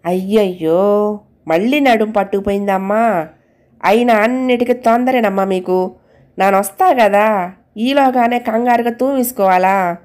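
A woman's voice: mid-range voice, unhurried, long pauses, darkish tone, natural voice. A woman voicing a poor, plain-spoken older housemaid who talks in rustic colloquial speech. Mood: caring.

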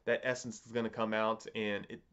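A man in his thirties giving a casual, unscripted review in a halting, musing way, often rephrasing himself, recorded at a desk in a home study. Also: fairly low pitch, flat delivery, fairly bright tone, clean tone, highs cut off. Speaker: pipe tobacco reviewer.

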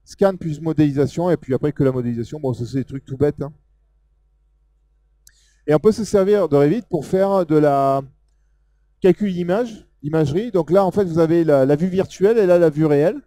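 A man with a Southern French accent giving a casual live software demo, talking loosely with many fillers as he points things out on screen. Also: on the high side, a little fast. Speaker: software presenter. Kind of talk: live technical demo talk.

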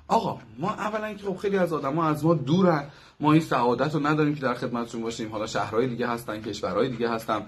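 A man's voice: mid-range voice, slightly rough. A young man working as a dog trainer, giving a chatty instructional talk that runs through examples in long lists.

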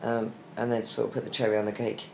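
A young British man, weak, tired and short of breath after surgery, talking haltingly in a casual video diary. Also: on the low side, completely flat delivery, gravelly, darkish tone. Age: young adult. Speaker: vlogger giving a recovery update. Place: small hospital room, lying in bed. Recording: roomy echo with faint background hiss.

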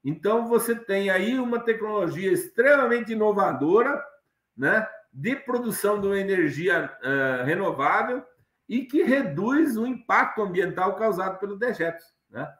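A middle-aged man gives an online guest lecture from his home study lined with bookshelves, rambling with many fillers and restarts. His high-pitched voice is animated and fairly bright at a moderate pace. He's picked up by a webcam on a video call in an echoey room.

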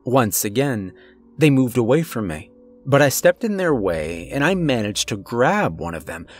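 A man reading a first-person horror story in a steady, measured way, pausing tensely between phrases. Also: mid-range voice. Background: faint eerie music.

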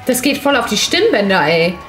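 A woman's voice: on the high side, big pitch swings, a little fast. A woman streaming a racing game, exclaiming often and talking straight to her chat. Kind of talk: casual gaming stream chat. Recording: roomy room with game music behind.

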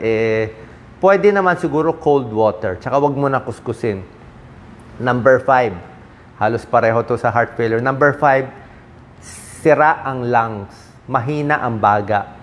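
A middle-aged man from the Philippines talks as a doctor giving health advice, his voice pitched right in the middle for a man. He keeps it casual and conversational. He sprinkles English medical terms into the talk and checks in with quick tag questions. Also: a little hiss or hum.

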